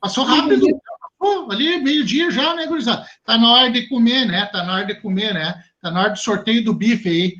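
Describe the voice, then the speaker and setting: A man with a Rio Grande do Sul accent teaching a class, lively and chatty, speaking straight to his students. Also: extremely high pitch, brisk, lo-fi sound. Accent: southern Brazilian, Rio Grande do Sul. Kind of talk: online class talk to students.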